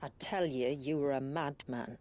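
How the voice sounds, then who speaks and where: A woman playing a solemn, dignified noblewoman in a game drama, with a husky voice and a formal, deliberate delivery. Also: rumbling low, darkish tone. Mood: doubtful. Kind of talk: video game drama acting.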